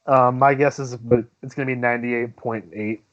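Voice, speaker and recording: A man's voice: medium pitch, steady tone, normal speed, a bit bright, dry recording, muffled recording. A man co-hosting a casual baseball watch party, laid-back and laughing easily. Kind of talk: casual live baseball chat.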